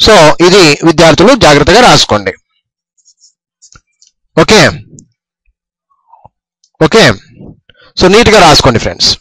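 Lively high-voiced male English teacher. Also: dry recording, rough recording. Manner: slow, repetitive dictation, stressing each sound. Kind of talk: phonics lesson explained in Telugu.

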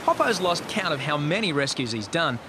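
A man's voice: on the high side, big pitch swings, fairly quick, background noise. Wry male documentary narrator. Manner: wry, storytelling. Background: music.

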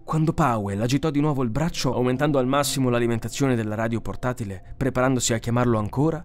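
A man reading a science fiction story aloud as an audiobook narrator, with an expressive delivery. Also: mid-range voice, fast talker, soft background music. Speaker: audiobook reader. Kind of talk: scripted narration.

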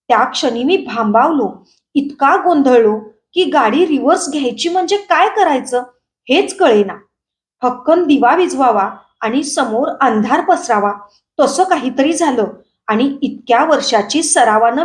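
A woman reading a short story aloud in a steady, dramatic storytelling manner. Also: high-pitched, roomy sound. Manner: steady dramatic storytelling, rising for shouted quotes. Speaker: story reader.

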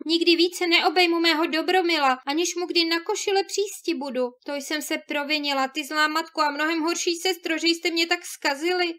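Woman doing a wronged young wife, gentle, plaintive, high voice. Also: steady tone, hardly any pauses. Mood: lamenting. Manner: plaintive and lamenting.

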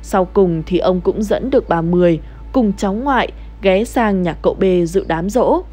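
A woman narrating a Buddhist moral tale in a calm, earnest, preaching manner. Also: mid-range voice, moderate pace. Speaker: storyteller. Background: soft music.

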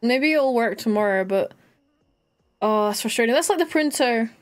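A chatty woman with a fairly high voice talks to her viewers while she plays, close to her mic. She giggles a lot and keeps the talk loose and casual. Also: lively intonation, normal speed, smooth. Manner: giggly, chatty, often laughing. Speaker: streamer. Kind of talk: casual live-stream chat while gaming.

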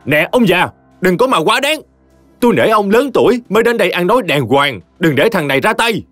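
A man's voice: high-pitched, sing-song, fairly quick, fairly bright tone, no echo, soft background music, voice pushed up, exaggerated voice. A man doing a sneering, arrogant young husband. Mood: taunting. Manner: taunting, sneering.

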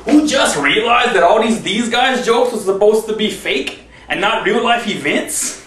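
A brash young man delivers jokes in a high, drawn-out voice, loud and exaggerated like a group call-and-response routine. He is recorded from a distance in a roomy space. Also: lively intonation. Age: young adult. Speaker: comedy sketch performer. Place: bare indoor room, standing group. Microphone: camera mic a few metres away. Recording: roomy, noisy camera audio from a distance.

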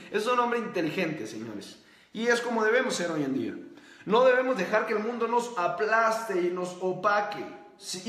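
A man's voice: sits high, a bit bright, roomy sound. A man hosting a motivational talk to camera, speaking emphatically, repeating key phrases and throwing yes-or-no questions at his listeners. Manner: asks the audience quick yes-or-no questions.

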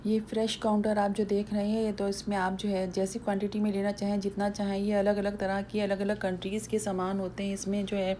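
A woman's voice: mid-range voice, monotone, brisk, few pauses, music in the background. A woman vlogger chatting casually as she walks viewers through a supermarket, explaining what is on the shelves. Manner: chatty, explanatory tour guiding. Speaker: food vlogger. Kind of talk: casual shopping vlog voice-over.

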